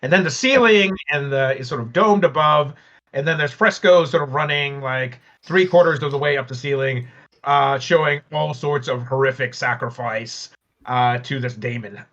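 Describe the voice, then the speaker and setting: Male game master, hesitant narration full of fillers; bright tone, muffled lo-fi audio. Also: medium pitch, normal speed. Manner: hesitant, many fillers, chuckling.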